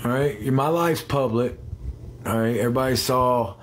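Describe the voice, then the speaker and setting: A man's voice: medium pitch, moderate pace, slight background noise. A man of thirty-eight talking casually to viewers on a phone livestream from a small room. He hesitates and repeats himself as he speaks straight to the audience. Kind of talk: casual live chat. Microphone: phone held close.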